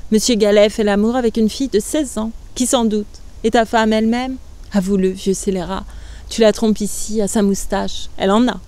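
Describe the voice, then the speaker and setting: Woman reading as a sly cruel teen girl, soft taunting voice, warm tone, storybook reading. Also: mid-range voice, lightly acted. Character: sly teasing sixteen-year-old girl, cruel.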